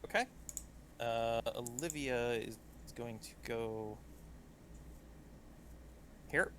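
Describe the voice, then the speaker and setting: A man narrating as game master of a tabletop game, pausing often with fillers and restarts. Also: medium pitch, a bit bright, a little hiss or hum. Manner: halting, many fillers and restarts.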